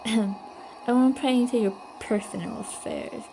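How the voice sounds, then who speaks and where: A woman's voice: on the high side, slow, noisy background. A woman voicing a wry, pushy masked male intruder while reading a game's dialogue aloud, with game music behind. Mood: teasing.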